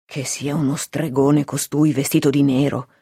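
A reader voicing an indignant young man dragged from bed, protesting loudly and aggrieved. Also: mid-range voice, level tone, moderate pace, husky, no echo, clean studio sound.

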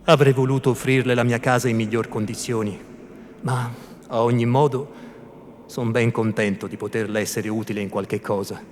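A man's voice: mid-range voice, steady tone, normal speed, natural voice. A man playing a grave, courteous nobleman. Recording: reverberant hall, faint room noise.

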